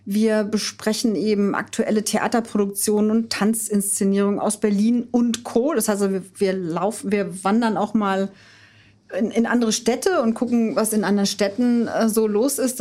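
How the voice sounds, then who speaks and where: Mellow-voiced woman explaining her show. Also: mid-range voice. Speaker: radio show host. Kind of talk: describing her show in an interview.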